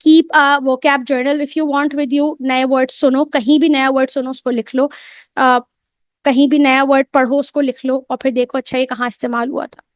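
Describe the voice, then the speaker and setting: A woman's voice: high voice, flat delivery, normal speed, no echo. A young woman, teaching English in a casual online lecture. She mixes English into Urdu and often checks in with the class. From Pakistan.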